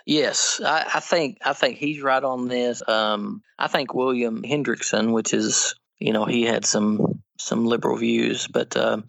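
Gravelly guy on a podcast, earnest, gets worked up arguing a point, dry muffled audio. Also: medium pitch, a little slow, hardly any pauses, no room sound. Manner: earnest, animated when critiquing, frequent restarts. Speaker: guest theologian. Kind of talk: podcast interview, explaining theology.

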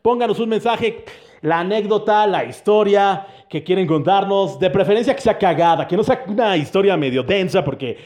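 A Mexican man in his thirties hosts a comedy podcast by himself with a high voice. He is playful and loud and talks to his listeners directly. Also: moderate pace. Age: 30s. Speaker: podcast host. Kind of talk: solo comedic podcast chat.

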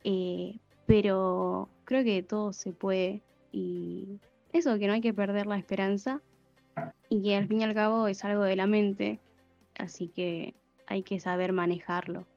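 A woman's voice: medium pitch, steady tone, a little slow, vocal fry, darkish tone, no echo. A young woman co-hosting a casual podcast, speaking in an earnest, reflective way. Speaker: podcast co-host. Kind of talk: casual chat. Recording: dull muffled sound with faint music.

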